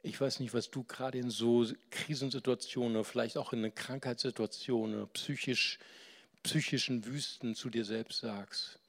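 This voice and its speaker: Gravelly guy preaching, tells his story, goes from whisper-soft to loud, asks the crowd stuff. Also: medium pitch, normal speed. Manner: swings between soft near-whispers and loud, animated telling; conversational, asks the listeners questions. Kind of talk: storytelling sermon.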